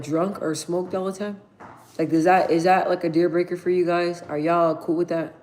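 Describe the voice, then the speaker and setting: A woman in her thirties talks to her livestream viewers from her mother's house, speaking into a phone held at arm's length. Her voice sits a little low for a woman, and she rambles in casual slang, full of fillers and restarts. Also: a little mellow. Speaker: livestream host.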